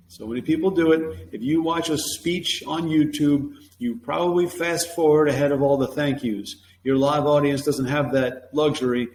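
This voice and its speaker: A male teacher and presentation coach gives an emphatic, opinionated lesson to camera from a classroom, now and then acting out classroom phrases in a bright higher voice. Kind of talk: instructional talk to camera. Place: classroom with a whiteboard. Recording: echoey room with faint hum.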